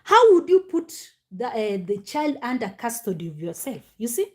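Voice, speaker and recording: A woman, talking casually to her viewers, animated, with many fillers and rhetorical questions. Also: on the high side, moderate pace. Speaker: commentary host. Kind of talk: casual live commentary to viewers.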